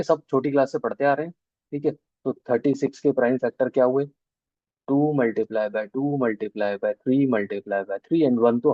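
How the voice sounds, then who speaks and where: A man's voice: mid-range voice, dry recording, muffled recording. A male maths teacher with an Indian accent, explaining an online class step by step and checking in with students often. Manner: explains step by step, drawing out key terms slowly. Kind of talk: online class lecture in mixed Hindi and English.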